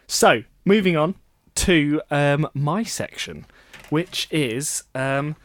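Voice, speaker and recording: A man's voice: on the high side, animated, takes it slowly, a bit bright, dry recording, clean studio sound. A man hosting a student sports radio show, chatting casually, laughing often and correcting himself as he goes.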